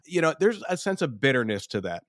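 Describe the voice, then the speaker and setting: A man's voice: medium pitch, very animated, fairly quick, no echo, clean studio sound. A man co-hosting a casual film review podcast, talking in a discursive way that builds gradually to his opinions. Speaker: podcast co-host.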